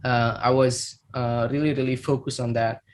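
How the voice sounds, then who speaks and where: Indonesian-accented man, reflective podcast guest, hesitant fillers, average pitch. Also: level tone, moderate pace. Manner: reflective, many fillers and repeated words. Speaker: startup founder guest. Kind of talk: podcast interview, personal story.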